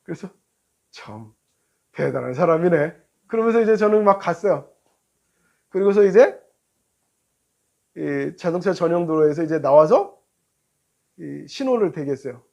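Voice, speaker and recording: A male pastor giving a sermon, telling a road-rage story in an animated way and acting out both drivers. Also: high voice, normal speed, vocal fry, pauses often, muffled recording.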